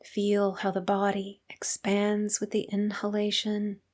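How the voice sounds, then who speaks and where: A female meditation teacher talks listeners through a guided practice. Her voice is mid-range, and she stays slow and calm, letting long silences settle between her soothing words.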